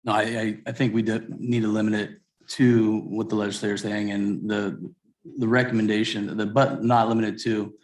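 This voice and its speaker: A man with a low, flat voice speaks as a commissioner in a meeting. He halts and restarts often. His voice carries an echo from the meeting room. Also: moderate pace. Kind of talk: meeting discussion.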